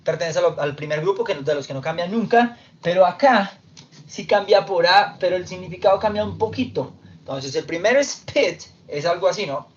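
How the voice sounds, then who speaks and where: A man teaching an online English class, slowly explaining and repeating verb forms. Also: high voice. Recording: distant, dull lo-fi audio with faint noise.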